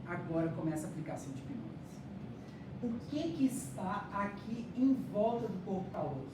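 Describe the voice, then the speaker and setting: In a mid-range, sing-song voice at normal speed, a lecturer on hypnosis and neuroscience teaches her class step by step and checks their understanding. The room echoes, the mic is far off, and noise is audible.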